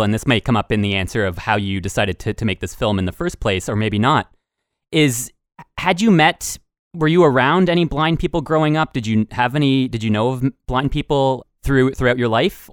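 A man's voice: lowish voice, no echo, studio quality. A man co-hosting a casual podcast interview, putting questions conversationally and rephrasing them as he goes. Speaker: show co-host, interviewer.

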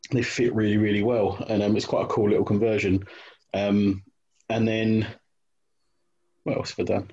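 Husky low-voiced man, casual chat. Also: level tone, moderate pace, a little mellow. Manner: hesitant, many ums and restarts. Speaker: hobby wargamer guest. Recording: dull lo-fi audio.

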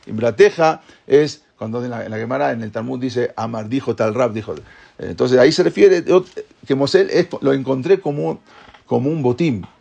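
A man teaching a Torah class, retelling the story in a lively way and acting out the characters' voices. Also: mid-range voice, moderate pace, creaky, husky, lo-fi sound. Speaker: religious teacher.

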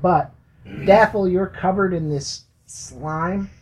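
A game master narrating a tabletop role-playing game for a podcast, in slow, halting speech full of fillers. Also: medium pitch, slight background noise, poor audio.

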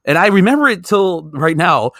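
A man co-hosting a casual podcast, telling stories in an excitable, swearing, animated way. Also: high voice, moderate pace, no room sound, studio quality. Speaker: podcast co-host. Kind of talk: casual chat.

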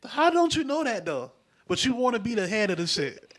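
A man's voice: high-pitched, big pitch swings, brisk, a bit bright. A man in casual podcast chat, slangy and blunt, who often chimes in to agree.

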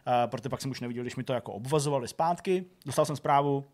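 A man's voice: medium pitch, darkish tone. A man in his thirties telling a long story in casual chat, rambling and filling every phrase with filler words and restarts.

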